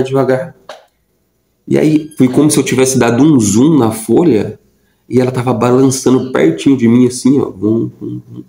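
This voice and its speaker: Rambling man with a mellow voice. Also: medium pitch, reverberant, rough recording. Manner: rambling, full of fillers and repeats. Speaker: vlogger. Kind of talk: casual personal story.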